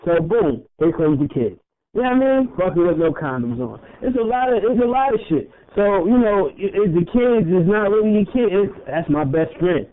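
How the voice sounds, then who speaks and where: A young man with a high voice rambles through a casual podcast chat, swearing freely and breaking into laughs between thoughts. The audio is thin and tinny, like a phone line. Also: expressive, a little fast. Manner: rambling, profane, laughs often. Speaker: podcast co-host.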